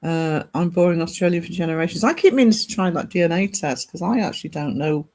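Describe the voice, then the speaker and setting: A British livestream host from the north of England talks quickly in a high-leaning, darkish voice. He wanders casually through conversation with his audience, reading their comments aloud and answering them.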